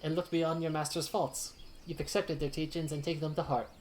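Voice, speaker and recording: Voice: medium pitch, steady tone, brisk, a little mellow, a little hiss or hum, natural voice. A streamer doing an earnest archer, lightly British.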